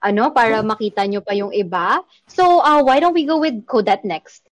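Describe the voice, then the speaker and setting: A tipsy woman with a Filipino accent hosting a livestream panel, chatting lively in Tagalog and English. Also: a little high, brisk, no room sound. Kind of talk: casual chat.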